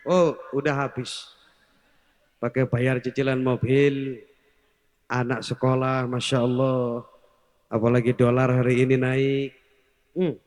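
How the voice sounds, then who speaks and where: A man's voice: medium pitch, little pitch movement, a little slow, pauses often, darkish tone. A male preacher giving a comic sermon, joking and teasing the crowd, mixing in Javanese words. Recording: echoey hall, long reverb.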